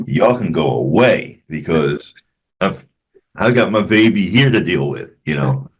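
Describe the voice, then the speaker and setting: A low-pitched man, speaking as a jazz musician guest in a relaxed interview. He talks reflectively, stumbling over and restarting his words as he works out his thoughts. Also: a little hiss or hum. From Memphis, Tennessee. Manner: reflective, halting with frequent restarts. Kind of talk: casual interview conversation.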